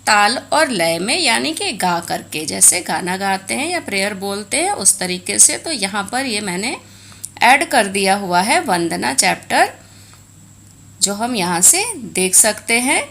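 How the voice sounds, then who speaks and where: A woman's voice: medium pitch, sing-song, measured pace, creaky, sharp tone. A woman with an Indian accent teaching a textbook lesson, explaining in Hindi mixed with English and reading Sanskrit aloud.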